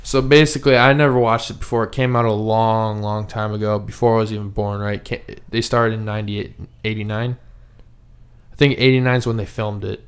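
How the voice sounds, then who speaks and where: A young man with a smooth, resonant voice hosts a casual podcast from home. He talks in a loose, rambling way, leaning on fillers as he goes. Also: fairly low pitch, level tone, a little fast. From Minnesota. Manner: laid-back, rambling, frequent fillers. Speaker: podcast host. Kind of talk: casual chat. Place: home, with dog beside him.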